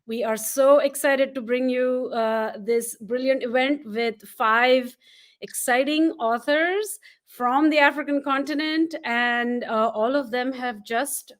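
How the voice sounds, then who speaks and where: A woman's voice: high voice, slow. A woman hosting a live-streamed online event, speaking with enthusiasm and many "uh" fillers over a video call. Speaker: event host.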